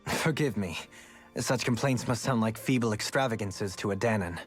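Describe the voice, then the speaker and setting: An actor playing a refined, gentle and eccentric former lord in a game, speaking in formal, courtly phrasing. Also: male voice, on the low side, moderate pace, soft background music, natural voice. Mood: reflective. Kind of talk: game character dialogue.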